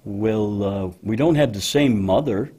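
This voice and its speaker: In a children's church puppet show, a man voices a patient, motherly female cow with a deep voice who explains things gently and hesitantly. His delivery is measured in pace and slightly rough.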